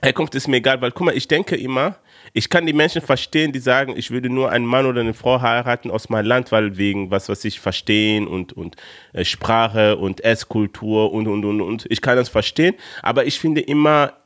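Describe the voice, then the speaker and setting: A man's voice: mid-range voice, fairly even intonation, fairly quick, a bit bright. Man, author co-host, casual chat, teasing, persistent, mid-range voice.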